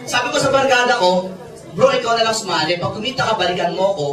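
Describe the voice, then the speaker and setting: A man in his forties with a Filipino accent, a network marketing mentor telling stories to a seminar audience, animated and joking with the crowd. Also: high voice, quick pace. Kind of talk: Taglish seminar storytelling. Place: seminar hall with a large audience. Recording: echoey hall, distant mic, loud crowd.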